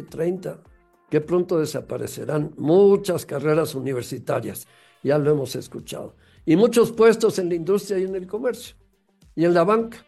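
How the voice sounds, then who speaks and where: Gravelly man giving an emphatic talk. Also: on the high side, dark tone. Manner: emphatic, full of rhetorical questions. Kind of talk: motivational talk on parenting.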